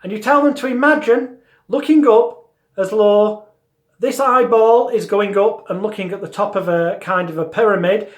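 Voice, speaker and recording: Guy with a highish voice teaching a lesson, deliberate emphatic phrasing, lots of room echo. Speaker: hypnotism instructor. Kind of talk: instructional lesson with demonstrated patter. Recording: roomy, echoey sound.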